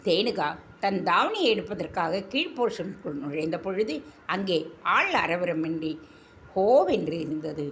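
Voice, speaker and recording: A woman narrating a serialized story in an expressive, measured reading. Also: lowish voice, a little hiss or hum.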